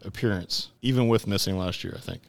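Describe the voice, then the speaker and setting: Low, creaky middle-aged man being interviewed. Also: fairly quick. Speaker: interview guest, government attorney. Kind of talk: conversational interview answers.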